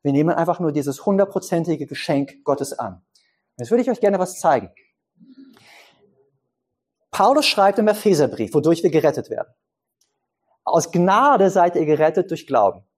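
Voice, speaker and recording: Lively preacher, emphatic, slightly higher voice. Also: male voice, moderate pace, long pauses. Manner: addresses the congregation with questions and simple images; pitch swings up for emphasis and drops low for quiet points. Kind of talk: sermon.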